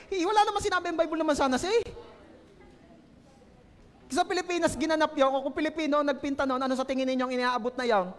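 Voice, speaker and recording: A Filipino man preaching a lively, joking sermon, often asking the congregation questions. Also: very high-pitched, big-room sound. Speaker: pastor. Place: church hall.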